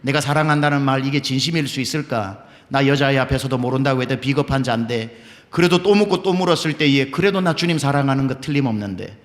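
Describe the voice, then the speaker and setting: A preacher voicing remorseful Peter, pleading. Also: male voice, mid-range voice, fast talker, natural voice. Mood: earnest, pleading. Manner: pleading, self-doubting. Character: Peter, a remorseful grown fisherman. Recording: long reverb of a large church.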